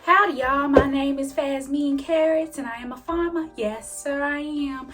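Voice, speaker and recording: A woman's voice: high-pitched, moderate pace, a bit bright, faint music behind, voice pushed up. A woman playing a folksy southern male farmer. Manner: folksy drawl, calls people honey and baby.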